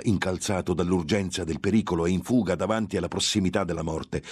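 Deep, husky male storyteller. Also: a little mellow. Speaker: narrator. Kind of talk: dramatic audiobook reading.

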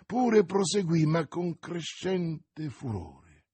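A man narrating a classic novel for an audiobook in a measured, theatrical way. His voice is somewhat high and husky. He reads slowly. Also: very animated, warm tone, no echo.

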